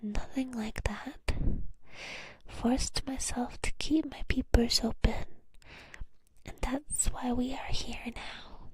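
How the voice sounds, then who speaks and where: A woman's voice: on the high side, fairly even intonation, slow pace, slightly rough, dry recording, rough recording. Female ASMR streamer: drowsy, teasing whisper, close on the mic, rambling whispered role-play. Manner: sleepy, drowsy; playful, teasing. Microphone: close mic, cupped whispering at the ear.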